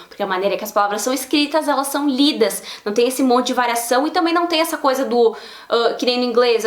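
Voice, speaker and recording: A woman, explaining pronunciation in a lively, casual video lesson and demonstrating sounds as she goes. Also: on the high side, reverberant. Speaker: Spanish teacher.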